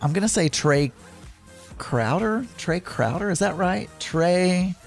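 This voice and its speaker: Rambling through his week in casual conversation, a Southern US podcast host keeps correcting himself and filling pauses. He speaks with lively intonation in a voice a bit higher than most men's, and gentle music sits faintly behind him.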